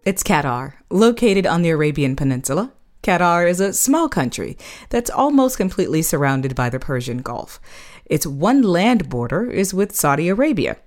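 A woman hosts a scripted radio feature, presenting in a bright, quiz-style way. Her voice is fairly low but moves around a lot, with faint music behind her. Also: sing-song, normal speed. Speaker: host.

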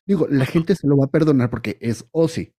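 Mexican guy on a podcast, mellow voice, makes his point at length. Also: medium pitch, a little fast. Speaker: podcast co-host. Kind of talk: casual chat.

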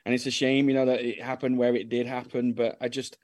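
A man's voice: mid-range voice, little pitch movement, brisk, darkish tone, dry recording. A man with a Birmingham accent chatting casually as a guest, rambling a little and repeating words as he goes. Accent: Birmingham (Brummie). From Birmingham, England. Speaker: guest, youth football coach. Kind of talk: casual chat.

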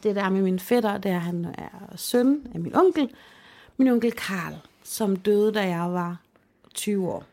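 With a warm, mid-range voice, this young podcast co-host shares a personal story during a casual conversation. Her telling is emotional and chatty, full of fillers.

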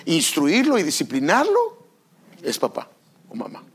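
An older man preaching a sermon as pastor, animated and acting out parents and children in little scenes. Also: a little high, a little slow, breathy edge.

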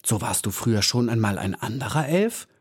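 A man reading an audiobook and voicing a small, eager young female bee who talks with breathless excitement. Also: medium pitch, brisk, breathy edge, dry recording, studio quality.

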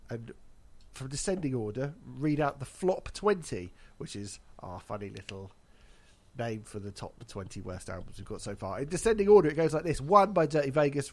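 A male podcast host, stuffed up from hay fever, keeps things casual, wry, and chatty, laughing at his own jokes. His voice is medium-pitched with a darkish tone.

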